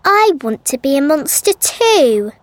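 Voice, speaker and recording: A woman voicing a cheerful little girl in a storybook reading, with a high, playful voice. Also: sing-song, measured pace, dry recording.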